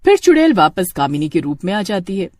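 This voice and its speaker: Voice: mid-range voice, very animated, a little fast, no echo. Dramatic cartoon-story narrator, dry close sound.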